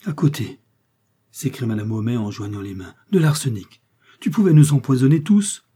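A man's voice: medium pitch, normal speed, mellow, slightly rough, lightly acted. A man reading aloud and voicing a pompous, fussy village apothecary in an indignant rant. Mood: accusing. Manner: indignant ranting tirade, exclamatory.

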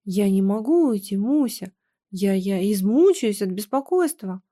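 A woman reading aloud, voicing a timid older husband who pleads softly and hesitantly. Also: mid-range voice, expressive, a little slow. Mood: pleading.

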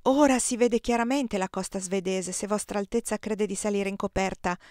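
Lady reading a formal young count giving quick polite orders, dry audiobook sound. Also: mid-range voice, fairly even intonation, a little mellow, no room sound, lightly acted. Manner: polite, brisk instructions.

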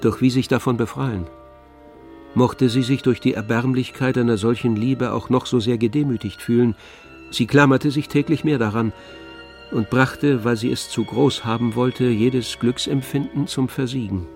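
Wry and detached, a male actor with a natural, mid-range voice gives a measured, expressive reading as the omniscient narrator of a literary tragedy for radio drama. Faint music plays in the background.

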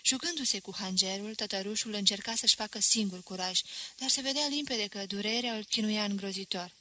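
A woman reading a literary novel aloud as an audiobook, steady and expressive. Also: mid-range voice. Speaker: audiobook reader.

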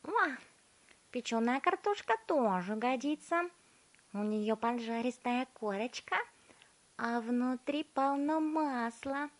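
Woman reading as a spoiled girl, shrill, demanding, high voice, slow drawl, set back from the mic. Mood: bratty, greedy. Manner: shrill, demanding, smacking and humming while chewing. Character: spoiled bratty gum-chewing girl, loud and stubborn.

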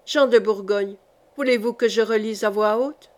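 A woman's voice: medium pitch, moderate pace, lightly acted. A woman voicing a relentless medieval noblewoman in an audiobook, giving cold, insistent commands. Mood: commanding. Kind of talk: audiobook reading.

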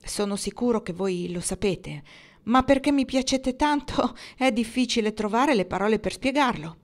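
A woman reading the part of an awkward, earnest young man confessing his feelings, speaking haltingly with pauses. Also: medium pitch, close to an everyday voice. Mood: hesitant.

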